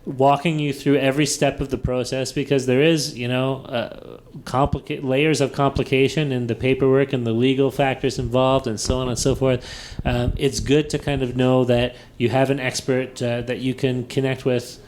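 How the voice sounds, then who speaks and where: A man's voice: mid-range voice, level tone, moderate pace, a little mellow, slight background noise. A man hosting a tech podcast in casual chat, thinking aloud with many fillers and restarts, laughing easily. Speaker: podcast host.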